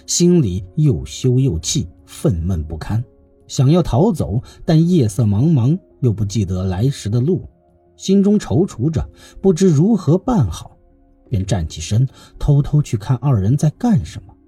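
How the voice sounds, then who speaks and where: A man narrating a classical tale in a lively, expressive reading as the storyteller of his channel. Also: mid-range voice, unhurried, breathy edge, no echo, soft background music.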